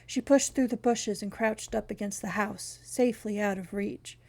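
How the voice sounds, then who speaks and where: A woman reading a first-person short story aloud in a steady, wry storytelling manner. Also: medium pitch, moderate pace, gravelly. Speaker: narrator.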